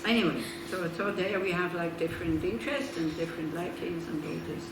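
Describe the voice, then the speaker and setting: Brisk and on the low side, this woman's voice belongs to a Buddhist nun from Switzerland leading an informal teaching talk. She's chatty, with laughter in her asides and rhetorical questions. The distant mic gives a roomy sound with noise behind it.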